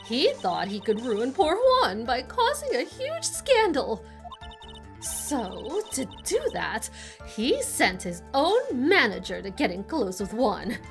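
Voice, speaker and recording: A woman voicing a loud, pushy old woman witness who loves gossip, in a video game playthrough. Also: wildly swooping pitch, takes it slowly, faint music behind, full character voice. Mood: gossipy. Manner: shrill, pushy and scolding.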